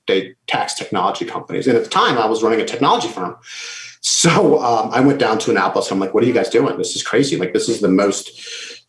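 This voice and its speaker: Roomy-sounding middle-aged man telling a story. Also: fairly low pitch. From Maryland, USA. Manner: animated, acts out quoted remarks in livelier voice. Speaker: state lawmaker, guest. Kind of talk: casual storytelling interview. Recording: roomy echo.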